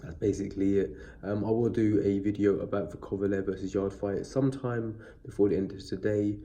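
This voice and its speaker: Chatty and rambling, a boxing vlogger talks through a boxing news video while fighting a stuffy, sniffly cold, restarting often and leaning on fillers. His voice is fairly low and dark, a little fast, with fairly even intonation. No external mic is used, just the device's built-in one.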